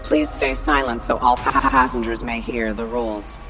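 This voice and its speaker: A woman voicing a calm, polite robot tour guide that makes mechanical announcements, lower and in an altered tone from her narration. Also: normal speed, faint music behind.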